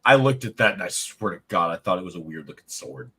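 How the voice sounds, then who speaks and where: Lively, husky-voiced joking man. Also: low-pitched, fast. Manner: jokey, laughing often. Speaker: player. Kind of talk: casual chat.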